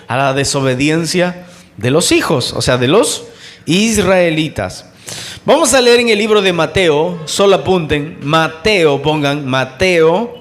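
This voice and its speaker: A male preacher with a notably high voice delivers a fervent sermon. He calls out to his listeners as brothers and fires rhetorical questions at them. His pace swings from quick bursts to slow, weighty phrases.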